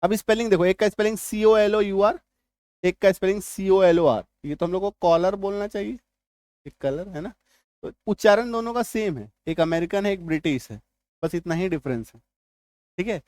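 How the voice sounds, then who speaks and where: Male tutor, high voice, dry close sound, repetitive explaining style. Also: a little mellow, dry recording. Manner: repetitive, checks in with "है ना" and "ठीक है"; spells words out letter by letter slowly. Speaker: English teacher. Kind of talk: spoken lesson to viewers.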